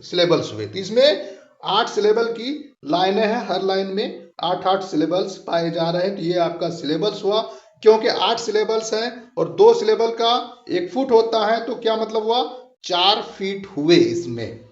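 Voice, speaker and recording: A man teaching English literature in a patient, explanatory lesson, repeating each point and slowing down for key terms. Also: high voice, lively intonation. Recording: roomy, dull lo-fi sound.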